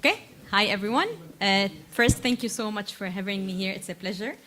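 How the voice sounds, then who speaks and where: A woman's voice: mid-range voice, a little fast, pushed and bright, slight background noise. A woman in her thirties from Lebanon, giving a conference talk to students and filling her speech with uh and um as she restarts phrases. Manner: frequent uh and um fillers, self-correcting restarts. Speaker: invited tech speaker.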